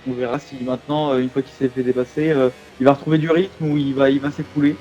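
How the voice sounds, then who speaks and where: A man's voice: medium pitch, little pitch movement, fast talker, mellow, lo-fi sound, a little hiss or hum. A man adding casual remarks as co-commentator on a live motor race.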